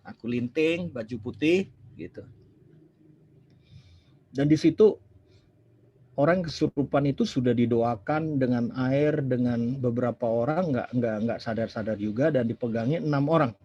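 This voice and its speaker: Male preacher in his fifties, mellow and husky, chatty sermon storytelling. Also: mid-range voice, moderate pace, pauses often. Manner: chatty, animated, acts out dialogue, drops English phrases. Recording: dull lo-fi sermon recording.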